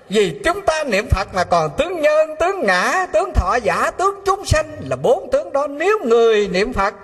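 A man with a Southern Vietnamese accent giving a storytelling Buddhist sermon, animated and full of rhetorical questions to the audience. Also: very high-pitched, slightly rough. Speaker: Buddhist preacher. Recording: long hall reverb.

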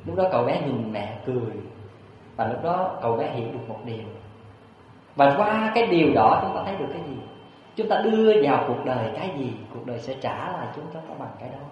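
A man preaching a Buddhist sermon, animated and storytelling, with frequent rhetorical questions to his listeners. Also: mid-range voice, quick pace, slight background noise. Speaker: Buddhist monk. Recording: echoey hall, dull lo-fi sound.

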